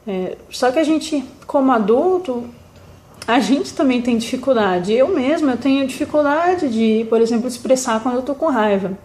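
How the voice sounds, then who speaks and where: A young woman with a Brazilian accent talks through her parenting experience in a gentle, reflective way. Her voice sits a little high. She often pauses with fillers and restarts. The sound carries a noticeable room echo. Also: lively intonation, a little hiss or hum. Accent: Brazilian Portuguese. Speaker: mother sharing parenting advice. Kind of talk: casual talk to camera. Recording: echoey room.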